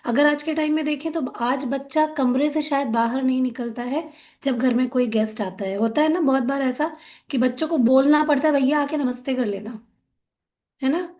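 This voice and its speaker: Earnest woman counselor, slightly high voice. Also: fairly even intonation, a little fast, a little mellow. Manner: earnest, conversational, often seeks agreement. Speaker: wellness counselor. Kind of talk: explanatory talk on parenting.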